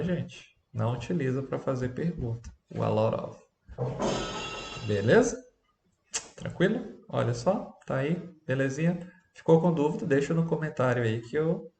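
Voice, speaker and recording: A man's voice: fairly high pitch, creaky, a little mellow, reverberant. A man teaching an English lesson with a Brazilian Portuguese accent, chatty and often checking in with his students.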